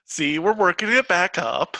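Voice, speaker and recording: Bright, deadpan joking man. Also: high-pitched, moderate pace, gravelly, dry recording. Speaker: player. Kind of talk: casual tabletop play. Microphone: online voice call.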